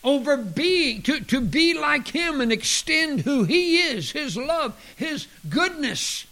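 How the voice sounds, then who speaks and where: A man preaching a sermon, expressive, dropping at times to a hushed near-whisper and chuckling at his own jokes. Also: extremely high pitch, takes it slowly. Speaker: pastor.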